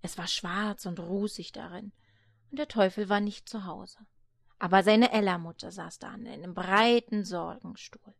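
A woman reading a fairy tale aloud in a calm, measured storytelling voice. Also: mid-range voice, vocal fry.

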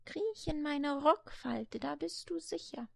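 A woman voicing a hushed, kindly old grandmother. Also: high-pitched, lively intonation, vocal fry, voice pushed up, full character voice. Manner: hushed, slow and soothing, at times whispered. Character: soft-spoken old grandmother, kindly and soothing.

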